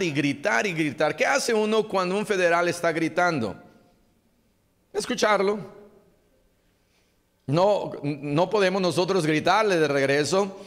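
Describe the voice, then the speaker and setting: A male pastor preaches earnestly, pressing his points home by repeating them. His voice sits a little high for a man. It rings out with a long reverb through a church hall. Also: a bit bright. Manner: earnest, exhorting, repeats key phrases. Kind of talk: sermon.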